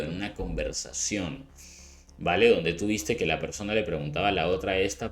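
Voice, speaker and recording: A man teaching a language lesson in a relaxed explanatory way, often checking in with the listener and slowing down to model phrases. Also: fairly low pitch. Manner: conversational, frequent rhetorical "¿no?" and "¿vale?" checks; slowed careful demonstrations of phrases. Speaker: English teacher. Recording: faint background music.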